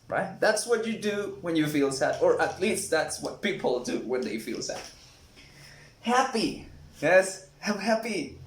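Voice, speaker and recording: Slow, animated man teaching vocabulary. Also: sits high. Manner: slow, animated, acts out examples. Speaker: English teacher. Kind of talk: vocabulary lesson. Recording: echoey room.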